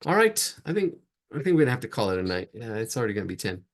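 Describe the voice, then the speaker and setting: Gravelly man teaching a drawing class. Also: medium pitch, sing-song, racing. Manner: chatty, laughs at own jokes, drifts while drawing. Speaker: drawing instructor. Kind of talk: live online drawing class.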